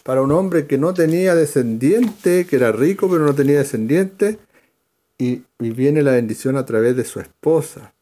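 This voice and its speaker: Guy teaching bible verse by verse, calls on people to read, mellow warm tone. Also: on the high side, moderate pace. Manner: explanatory, directs readers by name.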